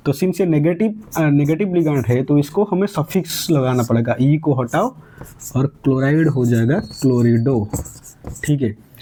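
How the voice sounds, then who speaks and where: Male chemistry tutor, dark mellow voice sitting a touch high, patient step-by-step explainer who keeps checking understanding. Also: a little hiss or hum. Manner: explains step by step, asks questions and answers them himself; mixes English words into Hindi. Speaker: chemistry teacher. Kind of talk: classroom lecture.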